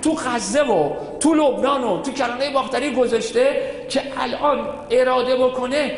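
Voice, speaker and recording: A man with a very high voice delivers a sermon in a large hall, and his words ring out with a long reverb. He tells his stories with energy and keeps asking his listeners questions. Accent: Iranian Persian. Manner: animated storytelling, rhetorical questions. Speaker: cleric lecturer. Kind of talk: religious lecture.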